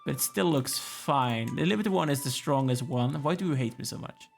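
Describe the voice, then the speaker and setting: A man's voice: medium pitch, moderate pace, vocal fry, faint music behind. A tired, yawning man casually commenting as he plays a strategy game, musing aloud and chatting to the characters on screen. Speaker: let's play gamer.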